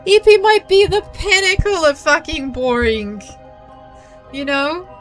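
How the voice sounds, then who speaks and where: A woman streaming a visual novel, giving excitable, casual commentary with frequent swearing and laughter. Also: high-pitched, unhurried, soft background music. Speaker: VTuber streamer. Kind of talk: casual let's-play commentary.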